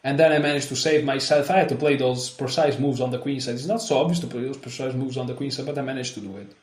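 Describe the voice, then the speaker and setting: A man's voice: mid-range voice, fast. A man talking casually to his viewers about his chess tournament, chatty and self-deprecating, sounding worn out. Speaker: chess vlogger. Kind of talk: casual vlog commentary.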